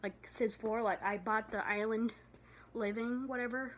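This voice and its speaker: A woman's voice: fairly high pitch, steady tone, a little slow, a bit bright, a little hiss or hum. A tired, breathless young woman vlogging casually into her phone, rambling with lots of fillers and trailing off. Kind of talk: casual vlog chat. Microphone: phone camera.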